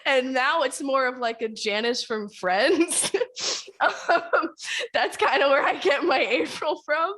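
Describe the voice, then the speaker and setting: A woman's voice: high voice, slow, fairly bright tone. A woman from New Jersey, a musical theatre actor, chatting casually on a cast panel, candid and laughing at herself. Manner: laughing, candid and self-mocking. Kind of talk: casual chat.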